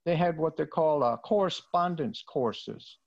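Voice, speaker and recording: A man's voice: fairly high pitch, gravelly. Older man recalling the past on a video call. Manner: unhurried, explaining with examples from the past. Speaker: participant in an online educators' discussion. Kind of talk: casual video-call discussion. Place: home, seated in a reclining chair. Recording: dull, lo-fi video-call audio.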